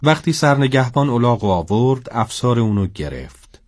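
A man narrating a story in a steady, scripted storybook style. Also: medium pitch, dry recording, clean studio sound.

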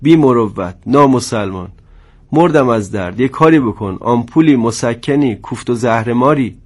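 A man's voice: mid-range voice, natural voice. A man voicing a wounded sergeant who moans and begs for help. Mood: pleading. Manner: moaning, pleading. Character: wounded male sergeant, whining and pleading.

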